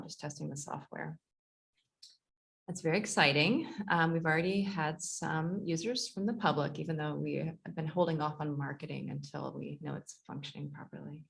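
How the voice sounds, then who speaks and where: A woman's voice: low voice, vocal fry. A young adult woman giving a casual transit update on a video call, chatty, with lots of fillers and laughs. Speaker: transit agency staff.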